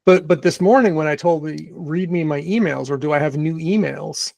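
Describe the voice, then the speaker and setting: A man's voice: on the high side, normal speed, gravelly, darkish tone, dry recording. A man co-hosting a podcast in casual chat, rambling with restarts and fillers. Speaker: podcast co-host.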